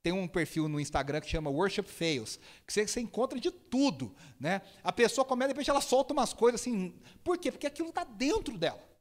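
A man preaching a sermon, telling stories lively and imitating people with sudden high shouts. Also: fairly quick.

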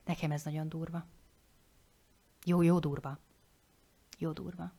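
On a podcast, a woman in her forties with a low, gravelly voice talks candidly and with animation. She swears casually and often starts her sentences over.

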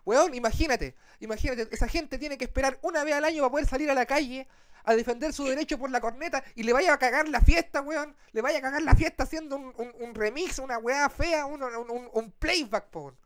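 A man with a Chilean accent, co-hosting a casual chat and telling a story in an animated, slangy way. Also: brisk, no room sound, clean studio sound. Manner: animated, slangy, acts out quotes in a high voice. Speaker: podcast co-host.

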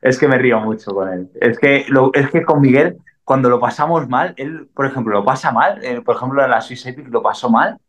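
A man's voice: medium pitch, fairly quick, hardly any pauses. A man from Spain, a mountain bike racer, chatting as a guest in a casual podcast interview, rambling with many restarts. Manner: rambling, full of restarts and laughs.

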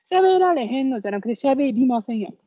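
A woman's voice: sits high, lively intonation, normal speed, dark tone, no room sound. A woman with a Kansai accent co-hosting a casual podcast chat, explaining with examples and laughing often. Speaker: podcast co-host. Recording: dull lo-fi podcast audio.

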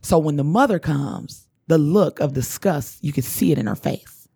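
A woman co-hosting a casual podcast, telling a personal story in a lively way and acting out what people said. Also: low voice, moderate pace, creaky, breathy edge, dry recording, clean studio sound. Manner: animated storyteller who acts out what people said. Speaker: podcast co-host.

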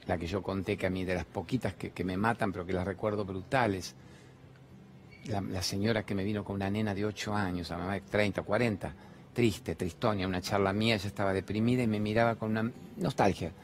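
A man's voice: lowish voice, fairly even intonation, fairly quick, slight background noise. A man with an Argentine accent giving an impassioned spiritual monologue as a TV host, full of rhetorical questions and repeated phrases. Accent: Argentine Spanish. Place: large TV studio.

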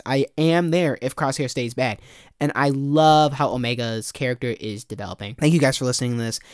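A man's voice: medium pitch, no room sound. Guy doing a solo review podcast, swears constantly, rants, dry close sound. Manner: profane, ranting, swears often; worked-up, with fast restarts. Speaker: podcast host.

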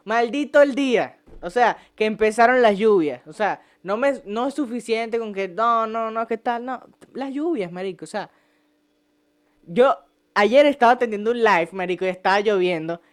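A man's voice: high voice, normal speed, smooth. A young man with a Venezuelan accent hosting a casual podcast, telling stories with lots of swearing, jokes and laughter. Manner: profane, joking, laughs often. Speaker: podcast host. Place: home podcast set.

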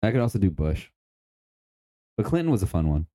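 A man's voice: low voice, sing-song, brisk, dark tone, no room sound. A young man co-hosting a podcast in casual chat, crude and boastful, swearing a lot. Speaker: podcast co-host.

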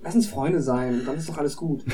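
A man's voice: fairly high pitch, a little fast, warm tone, far from the mic, slight background noise, close to an everyday voice. A man putting on a scheming spoiled cartoon boy. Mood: fake sweet.

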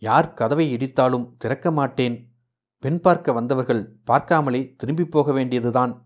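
A man's voice: mid-range voice, moderate pace, close to an everyday voice. A headstrong young bride-to-be who threatens to lock herself away unless her friend gets ready, as a man reading a novel puts her on. Her lines are insistent. They stay close to the reader's own voice.

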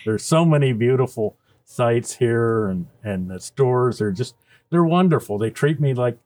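A man's voice: medium pitch, expressive, a little slow, a little mellow, slight background noise, natural voice. A man playing a kindly, jolly old Santa Claus, chatting casually and unhurriedly in character on a podcast, with chuckles. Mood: cheerful, pleased. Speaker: guest.

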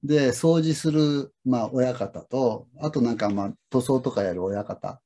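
A middle-aged man with a husky, mellow voice talks in a slow, reflective, rambling way. He hosts a relaxed conversation and fills his stories with pauses and fillers. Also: medium pitch. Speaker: lesson host. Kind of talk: casual conversation.

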